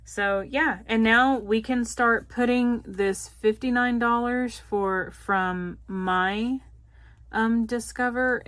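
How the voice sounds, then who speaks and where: A woman's voice: medium pitch, a bit bright, no echo. A woman with a Southern US accent, chatting casually to her viewers as a budgeting vlogger, laughing often. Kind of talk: casual direct-to-camera chat.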